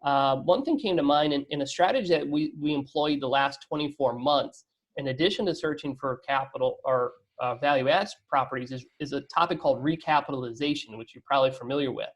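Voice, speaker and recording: Guesting on a business interview, a man who runs a real estate fund explains at length and keeps making sure he's being followed. He speaks briskly in a mid-range voice, and the recording's highs are cut off.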